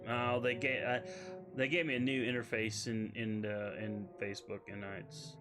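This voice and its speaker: A man's voice: medium pitch, flat delivery, normal speed. A man talks casually on a live game stream. He reads viewer messages aloud and muses between them, often trailing off into hesitations. Faint game music plays under his voice. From Southern United States. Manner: chatty, reads chat aloud, many hesitations.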